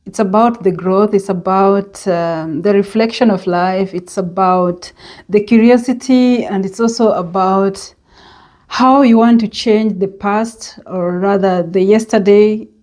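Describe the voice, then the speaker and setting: A woman from Kenya with a Kenyan accent, talking in a reflective personal vlog and pausing often to think. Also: medium pitch, a little mellow. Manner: unhurried and reflective, with many hesitant pauses and fillers. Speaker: vlogger.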